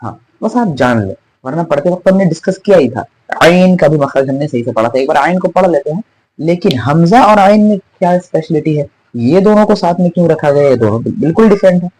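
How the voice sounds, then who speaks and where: A man leads an online lesson in a somewhat high voice with a husky edge. He explains patiently, poses questions to the class and answers them himself, repeating each sound for practice. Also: animated, fairly quick, darkish tone, low-quality recording. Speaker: Tajweed teacher.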